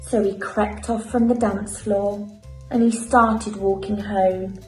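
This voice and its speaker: A woman primary school teacher reading a picture book aloud to children, clear and expressive. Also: medium pitch, echoey room, faint music behind, poor audio. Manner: clear, expressive, unhurried storytelling.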